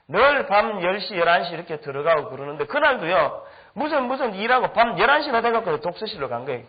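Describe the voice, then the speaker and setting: A middle-aged man preaching in a high, animated voice that swings up and down. He tells funny anecdotes and acts out the people in them. The recording is dull and lo-fi. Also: fast talker. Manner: animated, humorous anecdotes with acted-out quotes. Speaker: pastor. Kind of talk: storytelling sermon.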